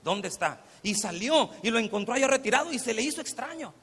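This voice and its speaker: A man's voice: extremely high pitch, animated, fast talker, fairly bright tone, slightly rough, long reverb tail. A male pastor preaching a sermon in a church, telling the story conversationally and often asking rhetorical questions. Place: church sanctuary.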